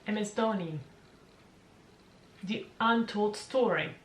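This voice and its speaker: A woman co-hosting a casual reaction video, her voice coming through robotic and metallic-sounding in a high, flat monotone, a little away from the mic. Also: slow. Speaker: co-host. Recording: roomy echo, off-mic.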